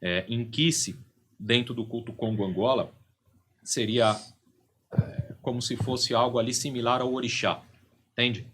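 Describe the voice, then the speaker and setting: A man's voice: medium pitch, steady tone, unhurried, fairly bright tone, slight background noise. A middle-aged Brazilian man, a podcast guest and religious leader, explaining at length and often checking in with "né?" and "entende?".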